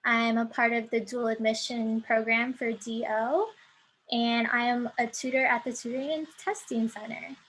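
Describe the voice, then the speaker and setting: Young female student panelist, a bit high-pitched, plain and brief. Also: steady tone, moderate pace, a bit bright, a little hiss or hum, poor audio. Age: early 20s.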